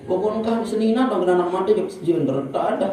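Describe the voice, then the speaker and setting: A man preaching a sermon to a congregation in Indonesian, telling stories in a lively way and speaking to the listeners directly. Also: sits high, fast talker, slight background noise. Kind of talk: sermon at a religious study gathering. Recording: very echoey room, distant mic, faint ambience.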